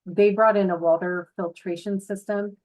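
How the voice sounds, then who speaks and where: A woman's voice: mid-range voice, steady tone, normal speed, a little mellow. A woman giving a casual, informal house tour as a builder's representative, explaining features in a chatty way. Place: voice-over talking over a tour video.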